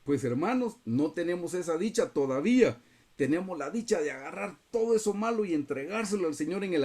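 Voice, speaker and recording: A man preaches a Bible lesson over a video call, his voice set a little high yet mellow and soft-edged. He speaks earnestly and keeps calling out to his listeners as brothers. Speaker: Bible study teacher.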